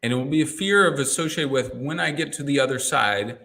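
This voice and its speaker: A man talking as an interview guest and coach, telling lively stories and acting out his own inner dialogue, with frequent restarts. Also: mid-range voice, fairly quick, gravelly. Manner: energetic storyteller, acts out quoted inner dialogue; rambling restarts and repeated words. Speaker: guest, NLP coach and entrepreneur mentor. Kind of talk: casual interview conversation.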